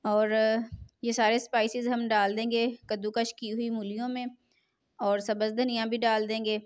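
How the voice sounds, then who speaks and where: Cooking host: middle-aged woman, fairly high voice, chatty and repetitive. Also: flat delivery, normal speed, clear, resonant tone. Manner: chatty, repeats filler phrase "jo hai na". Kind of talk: cooking tutorial voice-over.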